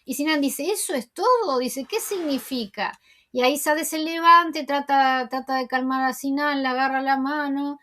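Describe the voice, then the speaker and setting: A woman's voice: high-pitched, steady tone, normal speed, sharp tone. A woman host casually retelling a TV episode, chatty and conversational, with frequent asides. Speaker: TV series recap host.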